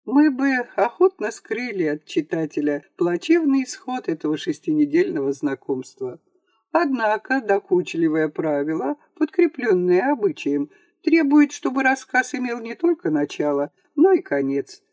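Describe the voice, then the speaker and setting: An audiobook reader telling a comic story with a wry, theatrical touch. The pitch rises and falls a lot, and the dry home-studio voice-over has almost no echo. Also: very animated, moderate pace, darkish tone. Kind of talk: scripted narration of a comic story.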